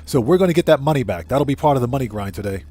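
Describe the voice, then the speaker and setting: A man's voice: mid-range voice, animated, rapid-fire, mellow, husky, faint music behind. A man hosting a live game stream, chatting casually with viewers and repeating himself for emphasis, over game noise.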